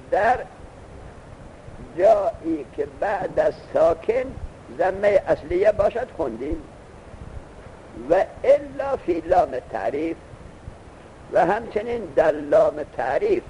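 A man teaching a classroom grammar lesson, explaining slowly and quizzing his students with questions. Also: on the high side, expressive, warm tone, slight background noise, poor audio.

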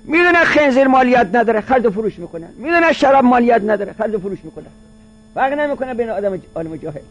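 A man's voice: extremely high pitch, animated, poor audio. A man teaching a seminary class, reading phrases from a classical Arabic legal text and then explaining each one in plain everyday speech.

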